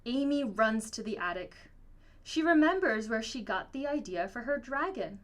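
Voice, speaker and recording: A woman reading a children's picture book aloud in an expressive, storytelling manner. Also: a little high, normal speed. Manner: expressive, acts out dialogue. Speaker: storybook reader.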